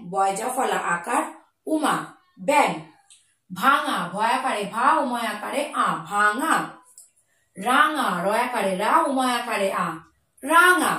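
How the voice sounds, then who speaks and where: Woman teacher, fairly high voice, spells words out slowly for kids, echoey room, sits back from the mic. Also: fairly bright tone, distant mic. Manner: spells words out slowly, explains each to children. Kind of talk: children's Bengali spelling lesson.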